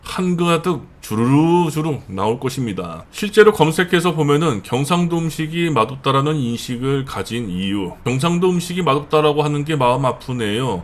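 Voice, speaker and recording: Chatty middle-aged man talking to camera. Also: on the high side. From northern Gyeonggi and Seoul, South Korea. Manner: chatty, with fillers and emphatic repetition. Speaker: channel host. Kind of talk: monologue commentary.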